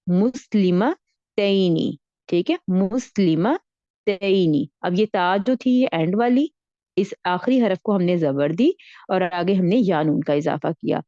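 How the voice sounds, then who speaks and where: A woman's voice: fairly low pitch, dark tone, no room sound, muffled recording. A woman teaching Arabic grammar in a patient way, often repeating herself and checking that her students follow. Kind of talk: online Arabic grammar lesson in Urdu.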